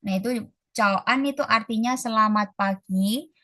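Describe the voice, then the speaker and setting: A woman tutoring an online class, chatting casually and stretching out model phrases slowly. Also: a little high, pushed and bright, dry recording, clean studio sound. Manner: slow, drawn-out model pronunciations; casual, chatty teaching, calls students guys. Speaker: Mandarin tutor. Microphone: video call.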